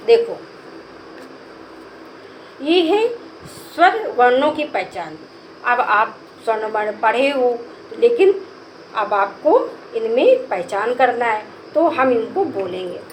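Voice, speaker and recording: A woman teaching the Hindi alphabet, slowly sounding out each letter with an example word and repeating them in drills. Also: a little high, slight background noise, rough recording. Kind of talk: slow patient classroom drill.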